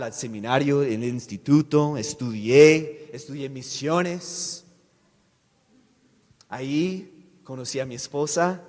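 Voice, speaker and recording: A man giving a sermon testimony as a visiting missionary speaker. He speaks haltingly, restarts his words often and keeps checking with the audience. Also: on the high side. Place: church sanctuary. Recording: long echo of a large church hall.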